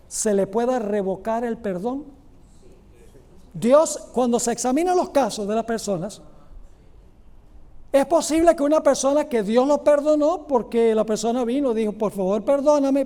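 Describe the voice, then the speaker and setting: A man preaching a sermon as a pastor, animated, acting out the people in a parable with sudden jumps in pitch.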